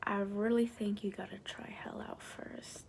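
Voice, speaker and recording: A woman in a whispered role-play voicing a sly, persuasive she-devil, in a breathy, coaxing demonic whisper. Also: mid-range voice, flat delivery, a little slow. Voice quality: breathy whisper with creaky edges.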